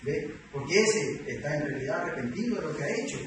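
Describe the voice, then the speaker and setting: A man's voice: on the high side, animated, brisk. A man, emphatic and full of rhetorical questions. He is recorded from a distance in a large church hall, with a strong echo and a constant background noise. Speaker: preacher teaching doctrine. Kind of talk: sermon.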